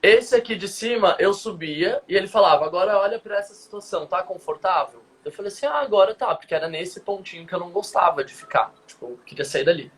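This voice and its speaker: Animated high-voiced young man telling a story. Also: fast talker, hardly any pauses, a little hiss or hum. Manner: animated, quotes dialogue vividly. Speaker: guest, dance teacher. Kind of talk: casual live-stream storytelling.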